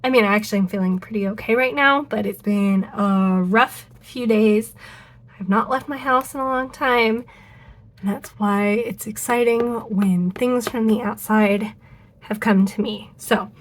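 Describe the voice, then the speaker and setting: A young fountain pen vlogger, her voice stuffy and nasal from a cold, chats casually to camera from her home studio during an unboxing. She rambles and corrects herself with lots of ums and likes, speaking at a medium pitch and a little slowly.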